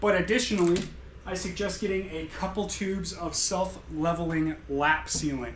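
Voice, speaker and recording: A man in his thirties with a fairly high voice walks through each part of a rooftop fan kit, explaining calmly step by step. He is recorded in an echoey indoor workshop, with his voice reaching the camera across the room, and there is a faint hum of ambience behind him. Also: moderate pace. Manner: clear step-by-step explaining, gesturing at parts. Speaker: van conversion installer. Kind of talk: how-to tutorial.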